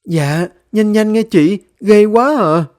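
A man's voice: high-pitched, slow, a little mellow, pitched above the performer's own voice. A man voicing a frightened little village girl who gasps out alarming news. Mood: panicked. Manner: panicked, breathless.

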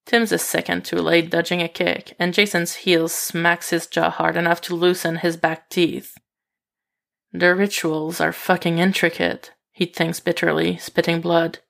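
A woman reading fan fiction aloud as steady, even narration. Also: lowish voice, moderate pace, vocal fry, hardly any pauses. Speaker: reader.

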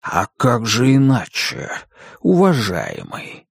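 A narrator voicing a polite, hospitable old male dragon in an audiobook, speaking in a slow, deep, courteous drawl. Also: wildly swooping pitch, vocal fry, husky, no echo, studio quality, exaggerated voice. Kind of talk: audiobook character voice.

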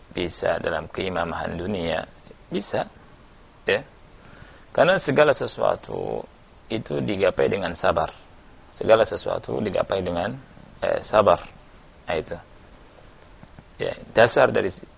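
A man's voice: sits low, creaky, husky. A man, a religious teacher, giving a conversational study lesson and answering questions. He tells stories and often uses tag questions and fillers. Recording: dull lo-fi recording.

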